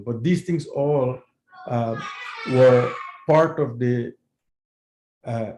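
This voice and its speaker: Canadian-raised man telling his story slow and earnest over a computer mic, roomy echo. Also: mid-range voice, warm tone. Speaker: guest speaker, heart surgeon. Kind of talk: speech on a video call. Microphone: computer mic on a video call. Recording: echoey room, faint background noise.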